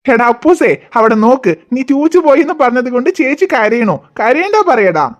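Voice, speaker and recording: A woman voicing a gentle cartoon father who reassures his daughter and mock-scolds his son. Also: sits high, expressive, fairly quick. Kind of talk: cartoon voice acting.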